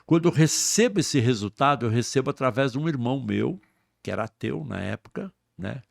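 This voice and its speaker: Gravelly Brazilian preacher man. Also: mid-range voice, expressive, a little fast, no room sound, clean studio sound. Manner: fervent storytelling, swinging between hushed and loud. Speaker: guest preacher. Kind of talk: personal testimony on a podcast.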